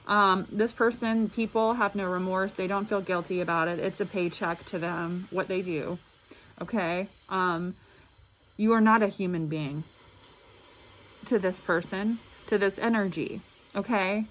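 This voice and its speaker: A woman speaking through a face mask, slightly muffled, giving a casual, halting and earnest tarot reading to camera. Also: mid-range voice, steady tone. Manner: halting, earnest, repeats words. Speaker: tarot reader. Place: indoor room at a table. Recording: clearly noisy room recording.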